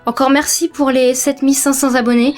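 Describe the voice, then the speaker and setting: A woman's voice: sits high, level tone, a little fast, faint music behind. A young woman in her late teens, talking casually in a vlog from her bedroom, chatty and hesitant with many fillers. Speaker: vlogger.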